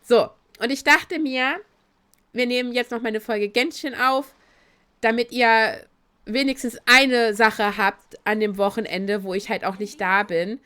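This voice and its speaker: Bright-voiced woman, voice giving out from illness. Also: fairly high pitch, unhurried, clear, resonant tone. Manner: animated, breaks into laughter. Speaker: gaming YouTuber. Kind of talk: casual Let's Play chat.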